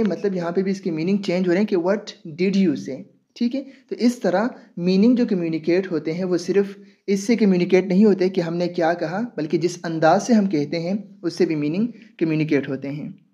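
A man giving a recorded linguistics lecture, explaining step by step and reading English definitions slowly and deliberately. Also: high voice, dark tone, lo-fi sound.

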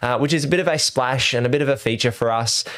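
With a medium-pitched, fairly bright voice and a quick pace, a thirty-something Australian man explains things in his home renovation vlog. He sits in a small home room and speaks into a desk microphone positioned near his mouth.

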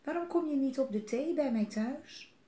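A woman voicing a hungry owl in a children's storybook, with a high, hooting, shrill voice. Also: animated, normal speed, mellow. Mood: coaxing. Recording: roomy echo.

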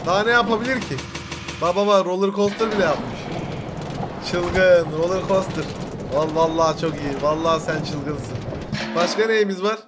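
High-voiced turkish guy yelling and laughing at a video, lots of noise and clicks behind. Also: moderate pace. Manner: loud exclamations, laughs and teasing slang. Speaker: YouTuber reacting to an animation. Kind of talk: excited reaction commentary.

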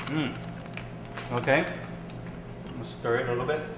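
A young Singaporean man hosts a cooking show, chatting casually and hesitantly with lots of ums as he cooks in a large indoor kitchen, caught by a camera some distance away. His mid-range voice is fairly even in intonation and a little slow. The room is echoey and the background noisy.

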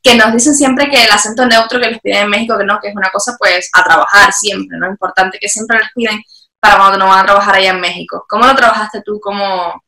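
Cuban woman host, bright high voice, echoey room. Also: fairly even intonation, fast talker. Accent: Cuban Spanish. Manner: agreeable, frequent affirmations. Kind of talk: casual interview.

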